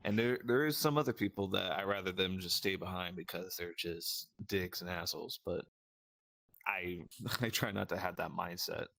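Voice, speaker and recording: A young man with a very low voice talks openly as a guest, halting and searching for words. The sound is dry and close. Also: vocal fry, a bit bright, dry recording. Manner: halting, open, personal. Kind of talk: casual chat.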